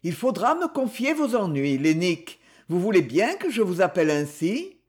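Woman doing a cool composed young guy, dry ironic way of talking, measured. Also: on the low side, very animated, a little mellow. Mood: tender. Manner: cold irony, measured. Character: calm, cool-mannered young man, ironic. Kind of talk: audiobook reading.

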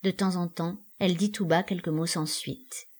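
A woman calmly reading the stage directions of a play in an even, unhurried way. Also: on the low side, husky. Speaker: audiobook reader.

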